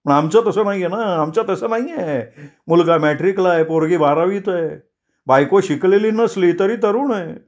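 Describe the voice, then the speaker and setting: A man doing a fretful, high-voiced timid clerk. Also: normal speed, darkish tone, close to an everyday voice.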